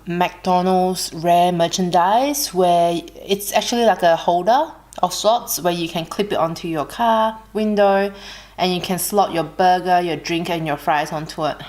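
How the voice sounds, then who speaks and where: A woman with an Australian accent talks on her eating vlog in a somewhat low voice. She is relaxed and unhurried, breaking off to chew and hum softly between her sentences. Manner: relaxed, unhurried, pausing to eat with soft hums. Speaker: mukbang vlogger. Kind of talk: casual chat while eating.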